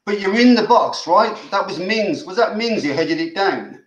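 A man's voice: high-pitched, lively intonation, moderate pace. Older man, echoey call audio. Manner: chatty, restarts sentences, urges the players on. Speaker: grandfather co-watching the match. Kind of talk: casual live football reaction chat.

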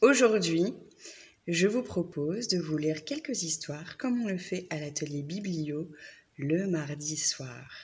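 A woman reading a picture book aloud to children as an expressive, friendly storyteller. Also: fairly low pitch, slow pace, a little hiss or hum. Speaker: library workshop reader.

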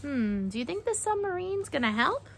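Reading aloud on a backyard wooden deck outdoors, a young woman dramatizes a children's picture book's verses and quizzes her young audience. Her voice sits high and is very animated and gravelly at normal speed, with a bit of hiss or hum.

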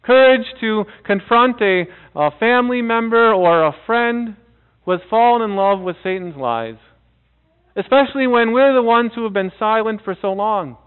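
High-voiced man preaching, tinny sound. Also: clear, resonant tone. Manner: earnest preaching with dramatic pauses and soft drops. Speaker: pastor. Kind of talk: sermon. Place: church sanctuary before a seated congregation. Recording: tinny phone-like audio.

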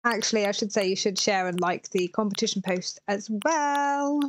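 A thirty-something woman from Herefordshire, England, sounds animated as she streams a game, chatting and reading out messages from viewers in a Welsh-border English accent. Her mid-range voice moves at a moderate pace through a headset in a small room, with a little hiss or hum.

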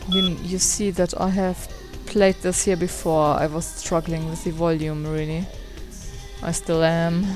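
Let's play host: a woman with a slightly low voice, slow and musing, faint game music behind. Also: level tone. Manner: slow, musing, stumbles while reading dialogue options aloud. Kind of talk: casual gameplay commentary.

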